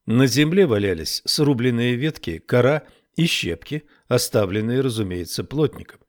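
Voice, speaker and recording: In a mid-range voice, a male narrator reads a scripted audiobook at a steady, even pace.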